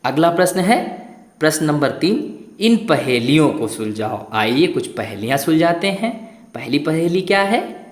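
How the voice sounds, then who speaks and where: A man's voice: a little high, big pitch swings, a little slow, echoey room. A man teaching a Hindi lesson to young children, asking questions and repeating each answer while stretching the words out.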